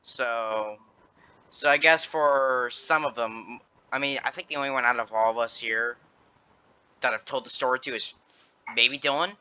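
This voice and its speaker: A man's voice: medium pitch, moderate pace, long pauses, bright, forceful tone, clear, resonant tone. A teenage boy hosting a casual podcast, telling a school story in a rambling way with many restarts. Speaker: podcast host. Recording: lo-fi dull audio.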